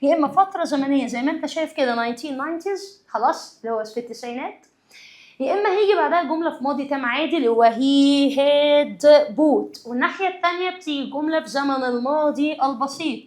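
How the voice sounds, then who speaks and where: An Egyptian woman teacher leads a lively exam review. Her voice sits high and her speech moves quickly. She talks straight to her students and drops English grammar terms into her explanations. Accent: Egyptian Arabic.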